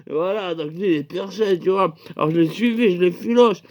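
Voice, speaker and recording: A young man telling a rambling comic story, with laughing asides and acted-out quotes. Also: sits high.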